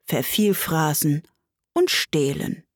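Mock turtle played by a woman, storybook, sighing, mournful, very slow, breathy. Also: low voice, sing-song, no room sound, clean studio sound, exaggerated voice.

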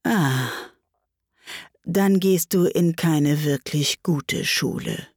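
A woman voicing a melancholy mock turtle in a storybook reading, speaking slowly with sighs. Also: fairly low pitch, animated, darkish tone, no room sound, studio quality. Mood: mournful. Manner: slow, sighing and plaintive. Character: melancholy sighing mock turtle, slow and mournful.

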